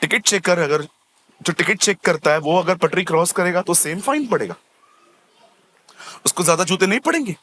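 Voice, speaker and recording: A male pastor delivers a lively sermon in church, acting out small scenes of ordinary people and dropping English words into his preaching. His voice sits high, and he speaks at a moderate pace with frequent pauses.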